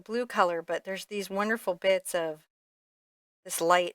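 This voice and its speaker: In a dry recording with clean studio sound, a woman with a medium-pitched, fairly bright voice teaches painting step by step. She keeps it casual and candid, thinking aloud and wandering into rambling asides.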